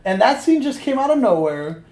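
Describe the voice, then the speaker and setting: A man's voice: very high voice, big pitch swings, normal speed, echoey room, a crowd in the background. A man co-hosting a casual, sweary film review, speaking emphatically and opinionatedly and often repeating himself for stress.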